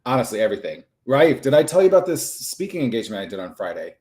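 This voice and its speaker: This is a man talking freely in a casual live-stream conversation. His voice sits at an ordinary middle pitch. He rambles in an animated way, and his sentences are full of quick asides. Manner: chatty, animated, lots of "like" asides. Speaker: HIV clinician and advocate.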